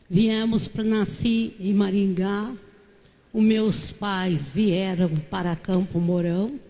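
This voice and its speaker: A woman in her sixties, a pastor from southern Brazil, telling her life story slowly in an interview. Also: mid-range voice, a little mellow. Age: 60s.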